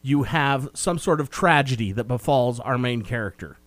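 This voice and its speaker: A man's voice: medium pitch, expressive, normal speed, a bit bright, dry recording. Talkative man co-hosting a film review. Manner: meandering, talkative recap. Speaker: movie review co-host. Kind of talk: casual chat.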